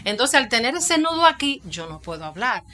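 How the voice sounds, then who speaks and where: Fairly high in pitch, sing-song and a little fast, her voice has a sharp tone. She is a Dominican-accented pastor and psychologist sharing her testimony during an interview, performing the quoted dialogue as she tells the story.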